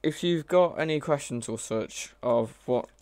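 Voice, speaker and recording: A mod developer streams live while coding, chatting casually and thinking out loud, often hesitating and correcting himself. His voice is medium-pitched and darkish, his pace measured, and the audio has no echo.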